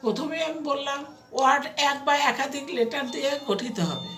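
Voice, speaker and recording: A woman teacher giving an online grammar lesson to young pupils, spelling words out slowly and asking and answering her own questions. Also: high voice, a bit bright, roomy sound, distant mic, faint music behind. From Bangladesh.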